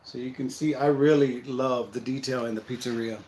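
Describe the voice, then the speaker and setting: A man hosting a building-set livestream, chatting casually and thinking aloud in a relaxed, self-deprecating way. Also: medium pitch, normal speed, reverberant, a little hiss or hum, low-quality recording.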